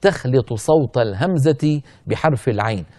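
A man teaching the rules of Quran recitation in a gentle, instructive way. His voice is mellow and dark, and now and then he stretches words out slowly to show a mistake. The sound is dry, with no room echo. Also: medium pitch, lively intonation. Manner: demonstrates recitation errors by drawing out words slowly; addresses listeners as brothers, gentle and instructive. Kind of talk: explaining Arabic verse on Quran recitation.

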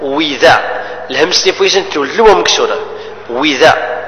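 A man teaches Quran recitation rules, explaining each rule and then chanting the verse slowly as an example. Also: on the high side, a bit bright, a little hiss or hum. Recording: echoey hall with long reverb.

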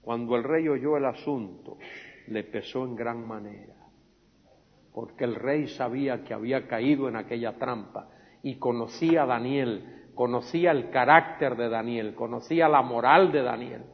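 A man's voice: mid-range voice, moderate pace, creaky. A man teaching a Bible study in sermon style, retelling scenes and acting out the quoted speech in a raised voice, repeating phrases and asking his listeners rhetorical questions. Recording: dull lo-fi sound with a long echo in a large hall.

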